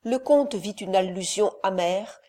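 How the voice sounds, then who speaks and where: Reading a classic novel aloud for an audiobook, this narrator uses a mid-range voice and keeps her delivery steady and expressive.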